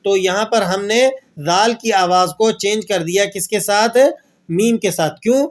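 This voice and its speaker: A man teaching Quran recitation, who asks questions and answers them himself and slowly draws out the verses he recites as examples. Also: sits high. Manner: slow drawn-out recitation of verses. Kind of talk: tajweed lesson with recited examples.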